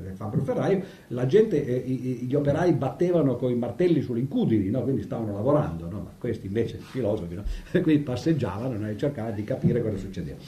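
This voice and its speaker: An older man gives a lively public lecture on math and music, tagging his sentences with a questioning "no?" and dropping ironic asides. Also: mid-range voice. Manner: animated, constantly tags sentences with "no?", ironic asides. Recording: roomy echoing hall.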